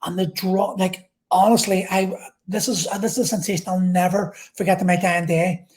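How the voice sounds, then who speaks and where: A woman vlogger telling an intense personal story in a halting way, repeating phrases and swearing. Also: lowish voice, steady tone, darkish tone.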